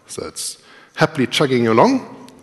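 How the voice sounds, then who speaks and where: A middle-aged man with a mid-range, sing-song voice talks at a moderate pace during a live coding session. He's a conference speaker and programming instructor who walks through each step conversationally and poses questions to the audience. The recording carries the reverberant echo of a large tiered lecture auditorium indoors.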